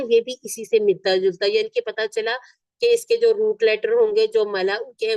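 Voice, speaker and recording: A woman teaching Quranic vocabulary word by word. She is patient, repeats each term slowly and keeps checking that her students follow. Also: medium pitch, dry recording. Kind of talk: word-by-word Arabic vocabulary lesson.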